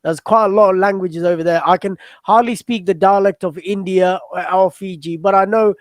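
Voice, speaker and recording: High-voiced male interviewer, casual. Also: fairly even intonation, a little fast, no room sound, studio quality. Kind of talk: casual chat, asking questions.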